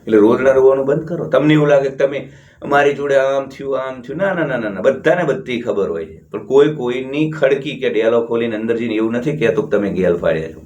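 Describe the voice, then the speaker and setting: A man's voice: mid-range voice, fast talker, a little mellow, highs cut off. A man from India hosting a motivational channel, giving a blunt monologue in a scornful tone and hammering his points with repeated words. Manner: blunt, scornful, emphatic repetition. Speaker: motivational channel host and counselor.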